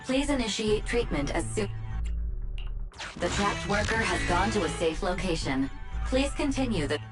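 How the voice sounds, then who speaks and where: A woman voicing a calm, gentle female rescue assistant robot in a game, giving measured announcements. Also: mid-range voice, natural voice. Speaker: game system voice. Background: game music.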